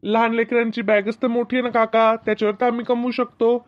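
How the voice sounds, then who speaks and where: A man dubbing a Marathi comedy cartoon plays a young bag seller who wheedles, persuades and protests persistently. He speaks fast in a very high-pitched yet flat voice, and the recording is lo-fi.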